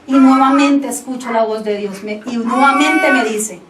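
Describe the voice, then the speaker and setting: A woman pastor giving a lively sermon testimony, telling her story to the congregation and calling them brother. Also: a little high, moderate pace. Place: church hall. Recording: echoey hall, distant mic, background noise.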